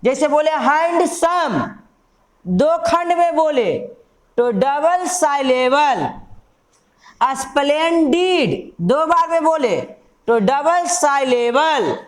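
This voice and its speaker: Slow, high-voiced woman teaching grammar. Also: big pitch swings, echoey room. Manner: repeats key words and asks the class questions she answers herself; slow, drawn-out spelling of examples. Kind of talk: classroom lesson.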